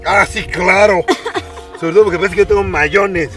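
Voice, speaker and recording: A man's voice: sits high, normal speed. A man in his twenties with a Mexican accent, joking casually and playfully as a vlog guest, recorded outdoors at some distance. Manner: playful, exclaiming, expressive. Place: outdoors, standing in a resort pool. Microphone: camera mic a few meters away. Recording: distant outdoor mic, loud music behind.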